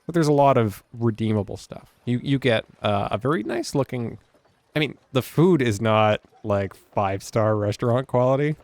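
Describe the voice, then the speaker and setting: A man narrating a tabletop role-playing game as game master, playful and quick to laugh. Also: medium pitch, a little mellow, no echo.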